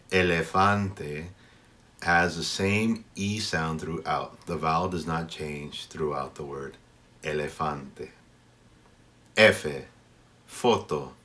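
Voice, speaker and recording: A man giving a language pronunciation lesson as a teacher, with measured, instructive delivery and deliberately enunciated example words. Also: sits low, fairly bright tone.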